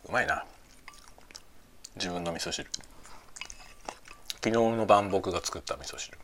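A man's voice: low voice, measured pace, fairly bright tone, a little hiss or hum. A middle-aged man chatting casually while eating, musing aloud in short phrases that trail off. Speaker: host of a lunchtime chat.

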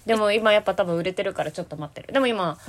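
Woman, podcast co-host, fast talker, playful, casual. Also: mid-range voice. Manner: quick, playful, reads listener letters aloud. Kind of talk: casual chat.

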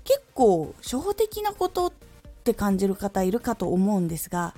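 A former voice actress hosts her audio stream and teaches speech drills in a lively, teacherly way. Her pitch swings animatedly as she stresses key words. She sounds out each vowel with careful, exaggerated articulation over faint background music. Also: normal speed. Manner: lively teacherly delivery with clear articulation demos. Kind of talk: instructional talk on diction.

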